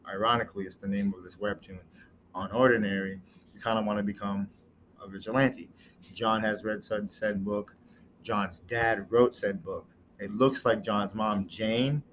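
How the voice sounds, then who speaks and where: A man's voice: on the low side, fairly bright tone, slight background noise. A man reviewing and reacting to a comic episode in loose, slangy commentary with rambling asides.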